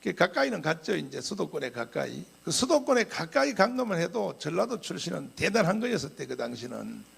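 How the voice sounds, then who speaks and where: A male pastor tells a story from the pulpit in an animated sermon. His voice is rough and husky and sits fairly high for a man. He keeps clearing his throat as he talks. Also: fairly quick, hardly any pauses.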